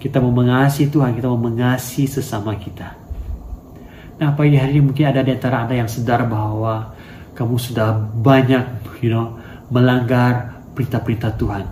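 A man's voice: mid-range voice, fairly even intonation, brisk, a little mellow. A male pastor preaching a sermon to his congregation in a church hall. He asks emphatic rhetorical questions and slips into English phrases. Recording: echoey room with faint background noise.

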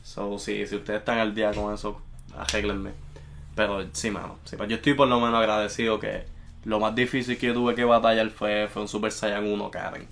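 A man's voice: lowish voice, flat delivery, fairly quick, creaky, fairly bright tone, a little hiss or hum. A man who can't roll his R, joking around as a podcast co-host and switching between Spanish and English. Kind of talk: casual podcast banter.

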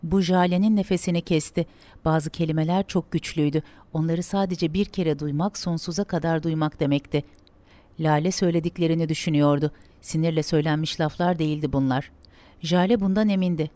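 A woman reading a dramatic story aloud in a steady, measured way. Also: low-pitched, no room sound.

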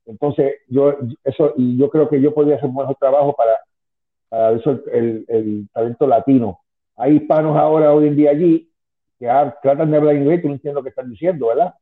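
A man in his fifties from a Spanish-speaking background, who moved to the US at ten, is a former wrestling manager appearing as a guest in a casual interview on a call. His medium-pitched voice is fairly quick, he rambles with many restarts and asides, and the phone line sounds tinny.

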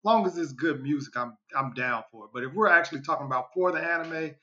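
A slightly muffled recording of an American man co-hosting a podcast. His voice is very bright and forceful, a bit high, and he chats casually in slang, often repeating himself. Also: fast. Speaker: podcast co-host. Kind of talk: casual chat. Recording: slightly dull, lo-fi voice track.

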